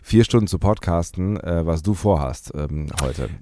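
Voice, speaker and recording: A man hosting a podcast in casual chat, congested from a cold with a blocked nose and sore throat, talking haltingly with stammered restarts. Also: sits low, mellow, dry recording, studio quality. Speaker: podcast host.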